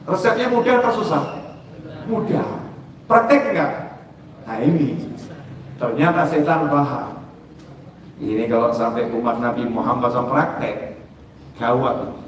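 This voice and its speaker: Male preacher, sermon delivery, high emphatic calls and low asides, sung prayer chanting, very echoey hall. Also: a little slow, pauses often, fairly bright tone, distant mic.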